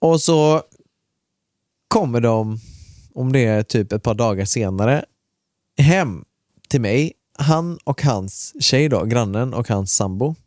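A man co-hosting a podcast, casually telling a long anecdote in a relaxed, chatty way with lots of filler words and mild swearing. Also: mid-range voice, pauses often, dry recording, studio quality. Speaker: podcast co-host.

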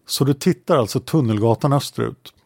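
Man reading police inspector, probing, gravelly, dry close sound. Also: medium pitch, mellow, no echo. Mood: questioning. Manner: probing, repeats answers back as questions. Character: male police inspector questioning a witness. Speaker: interrogator in a read-out police protocol.

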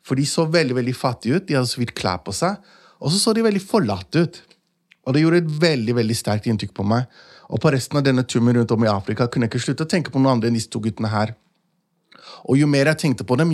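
A man's voice: medium pitch, darkish tone. A man telling a personal story in an earnest way, lifting his voice for the quoted lines. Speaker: guest, founder. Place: studio in a city.

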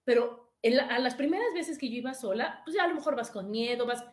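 A woman's voice: a little high, animated, fairly quick. A middle-aged woman with a Mexican accent, hosting a casual motivational live stream, chatting directly with her viewers and reading out their comments.

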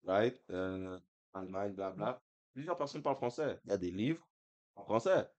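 A man's voice: fairly low pitch, normal speed, a little mellow. A man, chatting on a podcast in a laid-back way and dropping English tags into his sentences. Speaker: podcast co-host. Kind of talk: casual chat between friends.

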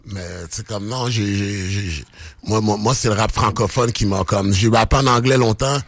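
Québécois man, low voice, laid-back storyteller with slang, dry close sound. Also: moderate pace, dry recording. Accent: Québécois French. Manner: relaxed storytelling, mixing in English slang, frequent restarts. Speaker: rapper and podcast guest. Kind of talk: casual chat.

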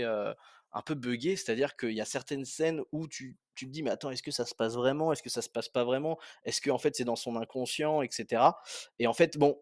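A young podcast host reviews a film in a casual, rambling manner, with many fillers and restarts. His voice sits at medium pitch, and the sound is clean studio audio with no room sound.

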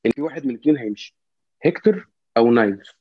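A man with an Egyptian Arabic accent in casual football discussion, halting and repetitive as he searches for words. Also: medium pitch, expressive, muffled recording. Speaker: football fan commentator.

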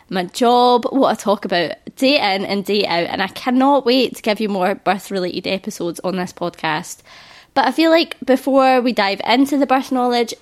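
A birth educator in her thirties hosts a solo podcast, speaking in an earnest, reassuring way. Her mid-range voice is slightly croaky because she's ill.

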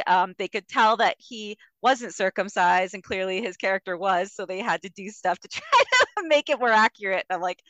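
A woman hosting a podcast in casual chat, laughing often and acting out scenes in quick impressions. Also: mid-range voice, fairly bright tone, no room sound. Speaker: podcast host.

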